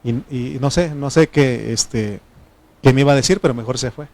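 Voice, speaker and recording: A pastor's mid-range voice with a darkish tone comes through at normal speed. The middle-aged man is from Mexico, speaks with a Mexican Spanish accent, and his first language is Triqui. He preaches folksily while asking the congregation to respond.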